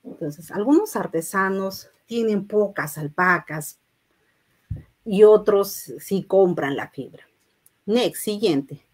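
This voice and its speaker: A middle-aged woman with a Peruvian Spanish accent, teaching an English class patiently and reading English phrases slowly for learners to repeat. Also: mid-range voice, lively intonation, husky. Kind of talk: online class lecture.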